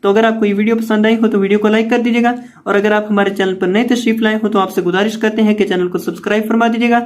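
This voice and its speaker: A man teaching Quran reading word by word. He draws out the recited words slowly and explains the reading rules quickly between them. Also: sits high, flat delivery. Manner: melodic chanted recitation.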